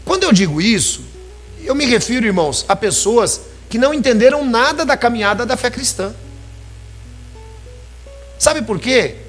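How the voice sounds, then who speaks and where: A man's voice: extremely high pitch, expressive, moderate pace, pauses often, a bit bright, faint music behind. A man preaching a sermon in a church, talking conversationally and calling his listeners brothers.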